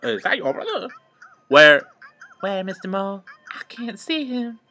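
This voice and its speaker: Man playing a little girl bear, high and chirpy, eager, bright tone, video game character. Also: sing-song, a little slow, faint music behind, full character voice. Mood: pleading. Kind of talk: reading game dialogue aloud.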